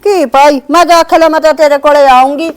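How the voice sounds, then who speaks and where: A grumbling, quarrelsome old village mother, played by a woman in a homemade family drama. Her voice is high and her words come fast and steady. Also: lightly acted. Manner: complaining, grumbling.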